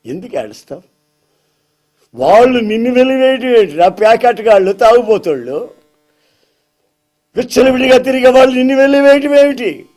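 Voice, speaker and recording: A man's voice: high voice, warm tone, husky, full character voice. A man preacher voicing a compassionate male savior who questions and urges a troubled man in a sermon story. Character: compassionate adult male savior, gently challenging.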